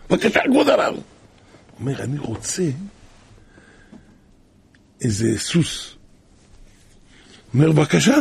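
A man delivers a spoken sermon, retelling old rabbinic stories in a loose, chatty way. His voice is heavily gravelly and very husky, sitting a little high for a man. He keeps looping back with "he says" and bursts out loudly at dramatic moments. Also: dry recording. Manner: repetitive "he says" storytelling, loose and colloquial.

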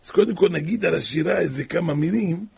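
A male preacher delivers a sermon in a raspy, husky voice with a gravelly edge. He is impassioned, dropping to near hushes and then rising to cry out. His voice sits high for a man. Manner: impassioned, swings from hushed to crying out.

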